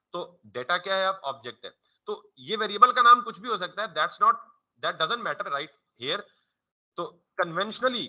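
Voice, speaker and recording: A man teaching code with a sharp, tense brightness in his voice that sits slightly high for a man. He explains in a relaxed, conversational classroom way. He keeps throwing questions at the listener and then answering them himself. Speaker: programming instructor. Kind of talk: coding tutorial lecture.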